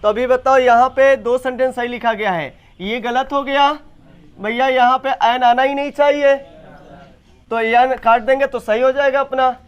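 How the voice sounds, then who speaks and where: A young man teaching an English grammar class, quizzing students and repeating sentences slowly. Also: very high voice, steady tone, smooth, dull audio. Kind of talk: classroom lesson.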